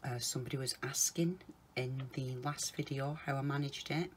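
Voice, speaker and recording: A woman talking viewers through a polymer clay project, chatting casually, calling them guys and murmuring softly to herself as she works. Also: extremely low pitch, fairly even intonation, normal speed, slight background noise. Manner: chatty, often calls viewers guys, mutters softly to herself while working. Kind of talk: casual crafting tutorial.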